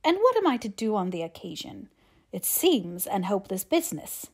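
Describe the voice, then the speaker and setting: A woman voicing a calm, ironic older father in an audiobook, with a deadpan, measured manner. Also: medium pitch, breathy edge. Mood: unconcerned. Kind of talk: audiobook character acting.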